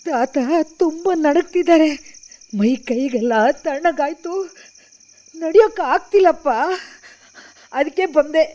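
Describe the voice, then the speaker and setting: A woman's voice: high voice, a little slow, pauses often, dark tone, lo-fi sound. A frightened, wailing old grandmother. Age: older. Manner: trembling, pleading, breaks into wailing. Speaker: grandmother in a radio play. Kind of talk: radio drama acting.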